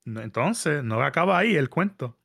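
A man, telling a story in casual podcast chat, animated and mixing in English words. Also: on the high side, moderate pace, creaky, husky. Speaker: podcast guest. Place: New York area.

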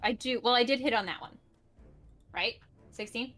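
A woman's voice: fairly high pitch, normal speed, crowd noise. A woman playing a tabletop game, bubbly and giggly as she describes her character's moves. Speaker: player.

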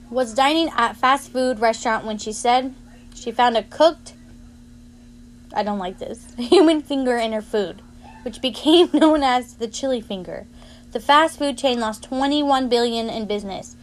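A young woman co-hosting a casual podcast, a bit tipsy, laughing and stumbling as she reads aloud. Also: a little high. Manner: laughs a lot, stumbles reading aloud, swears. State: feeling tipsy and queasy. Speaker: podcast co-host. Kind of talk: casual chat.

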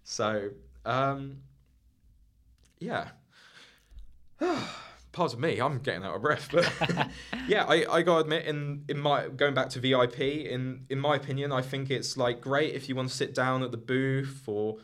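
Speaking at a normal pace in a mid-range, fairly bright voice, a young man hosts a relaxed podcast chat. He rambles casually, sprinkling in plenty of "like" and "you know."

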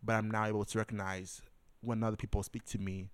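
A young adult man appears as a podcast guest, casually telling a personal faith testimony in a fairly low, flat voice at a fast pace. He restarts sentences, repeats words and uses many fillers, and the sound is clean with no echo.

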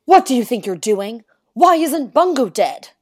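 A woman's voice: on the high side, sing-song, a little slow, breathy edge, heavily acted. A woman playing a controlling female spy, speaking in a cutting, reproachful way. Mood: angry.

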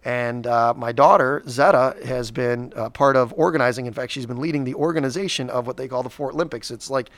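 A man's voice: mid-range voice, brisk, hardly any pauses, a bit bright, no room sound. A man in his forties rambles through school news on a casual podcast, often restarting his sentences. His voice sits in a middle range and is recorded dry and close, with no room sound. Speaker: school district podcast co-host. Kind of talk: casual chat.

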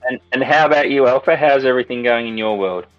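A man's voice: mid-range voice, fast, clean tone, dry recording, muffled recording, soft background music. A middle-aged man hosting a casual podcast chat in an informal way. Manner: informal, says mate. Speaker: podcast host.

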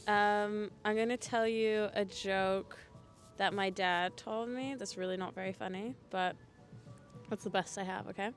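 A giggly, animated woman chats as a podcast guest, and her pitch sits in the middle range. She is recorded outdoors in a park gazebo. Birdsong and faint Christmas music play in the background. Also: unhurried. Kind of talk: casual chat, telling a joke.

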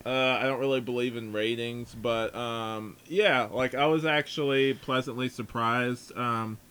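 A man's voice: medium pitch, steady tone, a little slow, a bit bright, smooth. A man chatting casually as he reviews a film, rambling and leaning heavily on filler words. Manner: rambling, filler-heavy, says "like" often. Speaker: podcast movie reviewer.

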